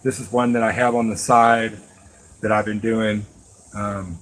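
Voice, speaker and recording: This live streamer, a middle-aged knife maker, talks directly to viewers in casual, folksy rambling as he works with his hands. His fairly low voice is level and a bit bright, and he speaks a little slowly.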